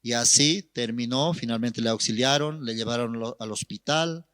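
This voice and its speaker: A male preacher, telling an illustrative story in a sermon with animated storytelling. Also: medium pitch, normal speed, clear, resonant tone, no room sound. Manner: animated storytelling with acted voices.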